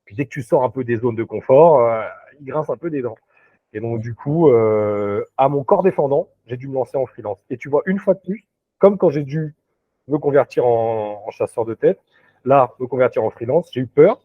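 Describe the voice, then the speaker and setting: A man's voice: medium pitch, lively intonation, normal speed, dry recording. A man who works as a recruiter, talking as a guest in a casual interview over a video call, hesitant, with many fillers and restarts. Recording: dry tinny video-call audio.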